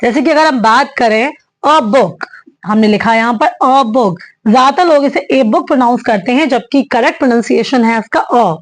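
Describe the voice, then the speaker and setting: High-voiced woman teaching phonetics. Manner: explains patiently, repeating sounds slowly. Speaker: English teacher. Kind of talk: spoken English lesson on phonetics.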